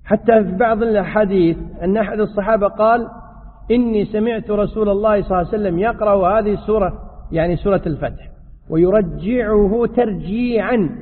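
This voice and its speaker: Quick high-voiced sheikh in a hall. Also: male voice. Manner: quick, explanatory, answers questions. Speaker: sheikh teaching fiqh. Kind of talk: religious lesson with questions. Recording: tinny, echoey hall sound.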